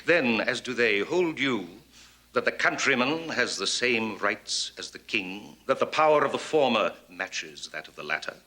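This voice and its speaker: A man's voice: medium pitch, lively intonation, a little slow, sharp tone. An actor playing a pompous aristocratic English statesman, lecturing in a period film. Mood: haughty. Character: haughty aristocratic English statesman, older man. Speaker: Lord North, Prime Minister.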